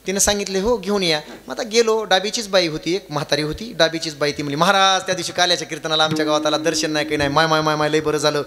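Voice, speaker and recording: A man preaching a devotional kirtan sermon, telling stories and swinging between loud chanting and soft chuckling asides. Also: fairly high pitch, steady tone, very fast, hardly any pauses. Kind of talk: Marathi kirtan sermon with storytelling.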